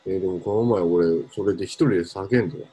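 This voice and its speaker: A young man talking casually on a podcast, rambling through animated stories with self-mocking laughs. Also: sits low, fast, slightly rough. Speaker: podcast co-host. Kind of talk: casual chat.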